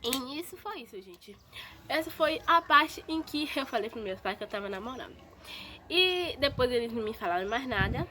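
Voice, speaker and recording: A woman's voice: sits high, expressive, moderate pace, bright, forceful tone. Chatty woman telling a personal story. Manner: chatty, repetitive, talks straight to viewers. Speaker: vlogger. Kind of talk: casual storytime vlog.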